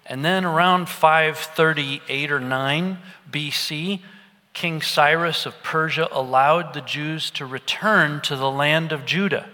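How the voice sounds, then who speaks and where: A middle-aged pastor gives an expository sermon with a bright, forceful tone. He teaches in an easygoing, conversational way with a storyteller's touch. His voice rings out in the long reverb of a big church hall. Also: a little high, takes it slowly.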